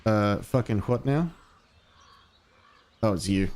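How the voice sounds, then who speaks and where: A man's voice: lowish voice, animated, slow, darkish tone. A man streaming a video game, chatting casually with friends and swearing freely as he plays. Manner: swears freely, laughs along.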